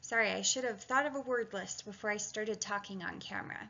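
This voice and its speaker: A woman's voice: medium pitch, fairly quick, bright, forceful tone. A woman teaching a phonics lesson on video, chatty and encouraging, thinking aloud and sounding out words syllable by syllable. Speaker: reading and spelling teacher. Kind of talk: video phonics lesson, talking students through steps. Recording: dull lo-fi sound.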